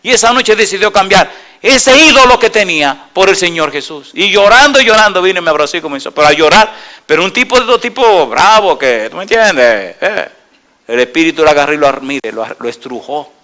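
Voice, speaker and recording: A middle-aged male pastor preaching a sermon, asking the congregation rhetorical questions and telling stories with lively energy. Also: sits high, brisk.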